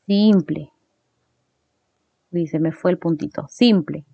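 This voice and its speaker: A woman's voice: on the low side, slow, gravelly, no echo. A woman teacher explaining a grammar lesson step by step, often checking in with tag questions. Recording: dull lo-fi recording.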